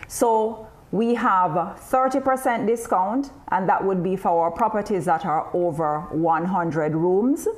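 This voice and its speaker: Unhurried woman presenting a webinar. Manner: measured, explanatory, upbeat sales pitch. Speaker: training presenter. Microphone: video call.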